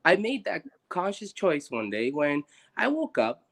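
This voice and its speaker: Brief: young man from Guatemala, earnest and reflective, a touch high in pitch, stumbling restarts. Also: wildly swooping pitch, unhurried, vocal fry, a bit bright. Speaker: guest. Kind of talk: casual conversation on a live stream.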